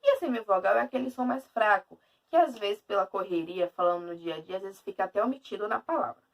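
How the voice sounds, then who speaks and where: A woman teacher with a Brazilian Portuguese accent giving a video lesson in an emphatic, lively way. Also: mid-range voice, fast, recorded from a distance, muffled recording.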